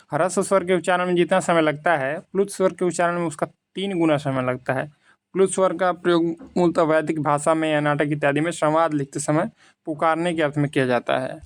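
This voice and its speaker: A man teaching Hindi grammar through quiz questions. He reads out the options slowly, then explains them in casual, conversational Hindi. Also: on the high side, steady tone, dry recording. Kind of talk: quiz lesson, reading questions and explaining answers.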